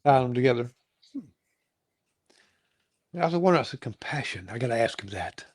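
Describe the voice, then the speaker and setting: In a casual interview, a male talk show host chats with his guest in a folksy, rambling way, circling back and repeating phrases. His medium-pitched voice is expressive and a little fast. The recording is dry and close-sounding.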